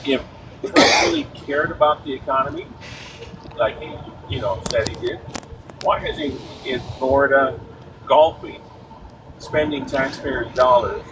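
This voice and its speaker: A man calling in to a live talk show, speaking casually with many pauses and fillers, his voice tinny and muffled like it is coming through a tin can. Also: mid-range voice. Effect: tinny, muffled call-in audio, like a tin can. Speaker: caller. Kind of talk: casual call-in chat. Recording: distant, noisy, tinny call-in line.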